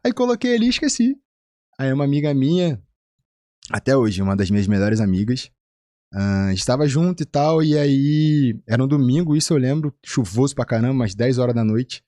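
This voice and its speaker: A man from Rio de Janeiro with a Carioca accent, a physician guest telling a personal story in a casual, animated way and acting out the voices of the people in it. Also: fairly quick, no room sound, studio quality. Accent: Carioca Brazilian Portuguese. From Rio de Janeiro, Brazil. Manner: animated, acts out quoted voices with big pitch jumps.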